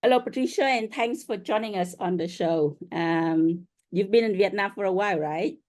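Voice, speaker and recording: A woman's voice: mid-range voice, normal speed, a little mellow. A woman hosting an interview show, welcoming her guest and asking questions with frequent "um"s and "uh"s. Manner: friendly, many fillers. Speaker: host.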